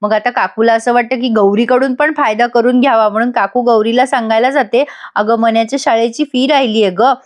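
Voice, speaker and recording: Female voice-over host with a Marathi accent and a somewhat high voice, recapping a TV serial and acting out the characters' lines. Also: fairly even intonation, brisk, few pauses. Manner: retells scenes, voicing characters' quoted lines. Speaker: TV serial review narrator.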